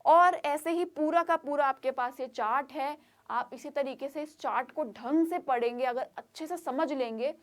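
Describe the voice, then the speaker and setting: A woman's voice: high-pitched, moderate pace. A young woman teaching an online pronunciation lesson in a chatty way, speaking to her students like kids; her first language is Hindi.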